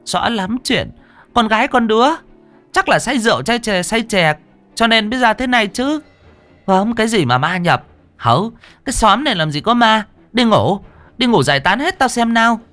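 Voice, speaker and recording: A man's voice: sits high, big pitch swings, moderate pace, bright, forceful tone, faint music behind, voice pushed up, full character voice. A man playing a scolding older landlady.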